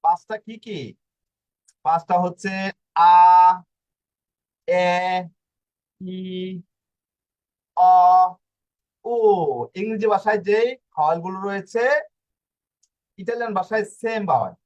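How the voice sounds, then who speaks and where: A man teaching an online language lesson, explaining slowly with many fillers and restarts. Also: sits high, a little mellow, highs cut off.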